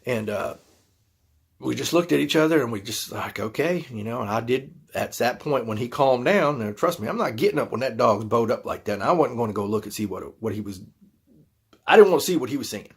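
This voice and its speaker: A man tells his own story to camera in a casual, folksy ramble. He keeps quoting his own reactions back at you. His voice sits in the middle range, gravelly with a husky edge. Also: mid-range voice, lively intonation, brisk. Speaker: YouTube channel host.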